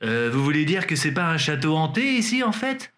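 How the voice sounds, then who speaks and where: A man's voice: fairly high pitch, very animated, fairly quick, fairly bright tone. A man playing a naive, childish cartoon sidekick with a hesitant, innocent way of talking.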